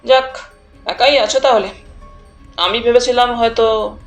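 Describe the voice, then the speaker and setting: A woman's voice: on the high side, steady tone, a little slow. Lady reading a pushy young guy suitor, blunt, keeps pressing, faint music behind. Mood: insistent. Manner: pressing, challenging questions.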